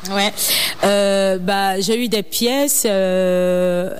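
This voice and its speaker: A woman's voice: medium pitch, steady tone, extremely slow, darkish tone. A young woman from Ivory Coast answers an interviewer's questions. Her talk is earnest and searching, broken by frequent hesitations. A faint background noise sits under her voice. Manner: earnest, hesitant with many fillers. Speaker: designer and activist guest.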